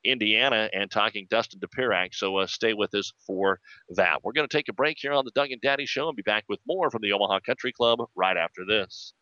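A man's voice: on the low side, a little fast, pushed and bright, dull audio. A man hosting a live sports radio show, giving updates as he goes.

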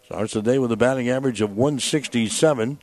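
A man's voice: mid-range voice, fast talker, darkish tone, no room sound. Male baseball play-by-play announcer, mid-range voice. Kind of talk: live radio sports commentary.

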